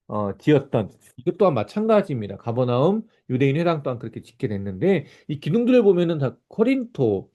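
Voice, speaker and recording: A man's voice: fairly high pitch, mellow. A middle-aged man, a pastor, teaching a church Bible class over slides in an explanatory way, often restarting words and using fillers.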